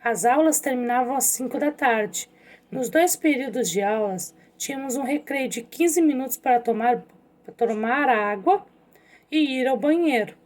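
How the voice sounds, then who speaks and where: High-voiced woman teaching. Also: normal speed. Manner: calm, patient, addresses pupils directly. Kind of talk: online lesson, reading a story aloud.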